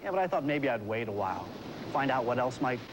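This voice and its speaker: An actor playing a young man restless about his career in a radio ad, casual and quick. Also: medium pitch, big pitch swings, background noise, lightly acted. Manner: quick, casual, mildly dismissive. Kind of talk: radio ad dialogue.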